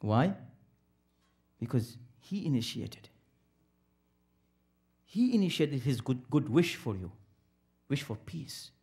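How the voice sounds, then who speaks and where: At a community center interfaith event, a man lectures a live audience, posing rhetorical questions and answering them himself. His medium-pitched, slightly mellow voice swings widely in pitch, and he talks slowly with frequent pauses. His delivery is emphatic and preacherly.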